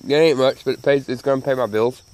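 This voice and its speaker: A Southern man hosting a channel speaks fast in a mid-range, darkish voice with fairly even intonation, captured on a low-quality recording. He gives a folksy, emphatic opinion rant to camera, repeating phrases. His missing front teeth cause slightly slurred sibilants.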